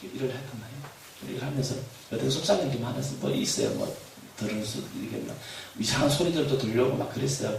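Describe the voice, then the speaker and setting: Animated pastor in an echoing hall. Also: male voice, medium pitch, gravelly. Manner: animated, shouts refrains, laughs while telling stories. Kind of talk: sermon. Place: church hall. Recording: echoey hall, far from mic, faint noise.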